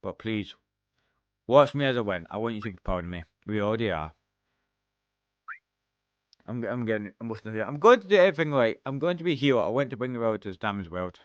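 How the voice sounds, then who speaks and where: A man with a Scottish accent playing through a game, reading every character's lines aloud and shifting his pitch between the parts, close to the mic. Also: expressive, quick pace, long pauses, dry recording, lo-fi sound. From Scotland. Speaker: let's-play streamer.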